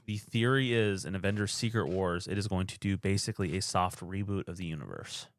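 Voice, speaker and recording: A man co-hosting a podcast, chatting casually and explaining at length in a deadpan way. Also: low voice, fairly quick, dry recording. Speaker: podcast co-host. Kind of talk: casual chat about movies.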